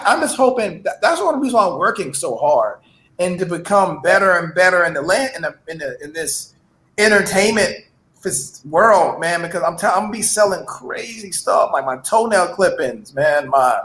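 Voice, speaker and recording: Brief: man, high and very animated pitch, echoey room, brash chat. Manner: lively, storytelling, hustler bravado. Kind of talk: casual chat.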